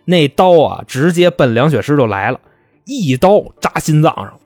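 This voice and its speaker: A man's voice: fairly high pitch, moderate pace, dry recording, soft background music. A man telling a true-crime story in a colloquial, chatty way. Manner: colloquial, animated, chatty asides. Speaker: podcast host.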